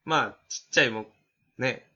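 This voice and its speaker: Kansai guy cohosting a podcast, bright forceful voice, gets loud on purpose. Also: mid-range voice, normal speed, husky. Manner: animated, bursts into loud emphatic lines. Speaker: podcast co-host. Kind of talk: casual comedic chat. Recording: dull lo-fi podcast audio.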